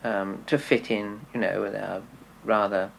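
Gravelly headmaster musing with hesitant ums. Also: male voice, on the low side, little pitch movement, a little slow, slight background noise, rough recording. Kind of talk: interview answers.

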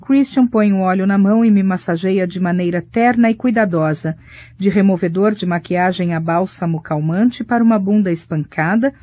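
A woman narrating a first-person romance audiobook in a soft, reflective way. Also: mid-range voice, normal speed, no echo.

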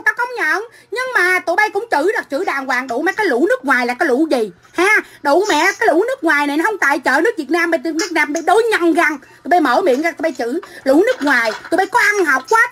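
A middle-aged woman from Vietnam, ranting into her phone on a livestream. Her voice sits high and cuts bright and sharp as she hurls foul-mouthed, combative insults. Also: lively intonation, quick pace, few pauses, a little hiss or hum. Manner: profane, combative, shouting insults. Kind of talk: angry livestream rant.

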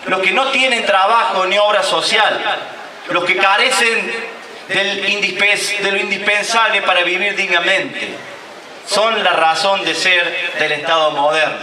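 A man in his thirties with an Argentine accent, a mayor reading a formal speech at an outdoor ceremony. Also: sits high. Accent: Argentine Spanish. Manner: declamatory, reading a prepared speech. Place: outdoor covered stage at a public ceremony. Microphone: stand mic at a lectern. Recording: echoey outdoor PA sound from far off.

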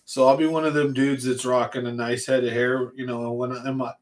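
A man's voice: mid-range voice, little pitch movement, a little fast. A man of forty hosting a fishing channel livestream from a small home room, chatting casually, rambling and answering viewers' comments. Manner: rambling, laid-back, reads and answers chat. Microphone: large studio mic on a stand in front.

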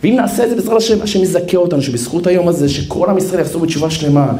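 A man, a rabbi, giving a live sermon with lively storytelling and acted-out quotes in a large hall. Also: high-pitched, slight background noise. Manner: animated, acts out quotes, addresses listener as brother. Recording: roomy hall echo.

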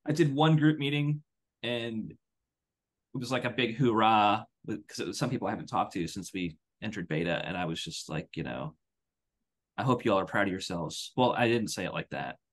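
On a video call from a room at home, a tired man in his thirties co-hosts a podcast through a headset. His voice sits fairly low and moves at a moderate pace as he chats casually, rambling and poking fun at himself.

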